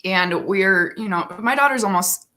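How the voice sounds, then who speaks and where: A woman in her thirties with a rough morning voice, chatting casually and earnestly on a live stream. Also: medium pitch, normal speed, sharp tone. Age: 30s. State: morning frog voice. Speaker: livestream host.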